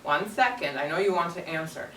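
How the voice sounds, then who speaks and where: A woman teacher speaks fairly quickly and animatedly during a read-aloud for young children, sticking to simple, instructive phrases. Her voice is on the low side and a bit bright. The carpeted classroom is full of kids, and a camera far across the room records roomy, distant sound with background noise.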